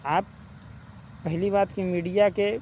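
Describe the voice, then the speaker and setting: Brief: male vlogger, pitched high, argumentative and rhetorical, faint road traffic behind. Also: little pitch movement, a little slow, darkish tone, lo-fi sound. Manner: argumentative, asks rhetorical questions; repeats points, addresses listeners as brothers. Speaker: opinion vlogger. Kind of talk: casual spoken commentary.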